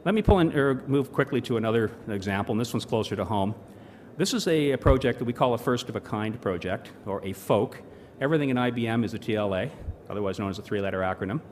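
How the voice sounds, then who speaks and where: A man giving a conference presentation, rambling with many fillers and restarts and dry asides. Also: medium pitch. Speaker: corporate presenter. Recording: long hall reverb, faint noise.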